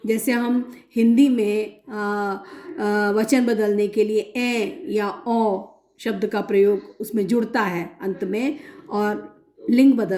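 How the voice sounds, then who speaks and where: A woman lecturing on linguistics in a methodical way, explaining with many examples and pausing often. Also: on the high side, dark tone, roomy sound. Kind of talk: recorded academic lecture.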